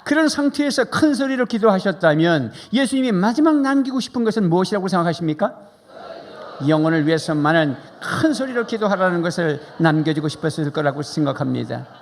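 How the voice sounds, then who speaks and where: A Korean pastor with a high male voice preaches briskly and expressively, praying with fervor and repeating himself as he leads the congregation in loud call-and-response. The sermon takes place in a large church sanctuary, recorded live with reverb from the hall and music playing.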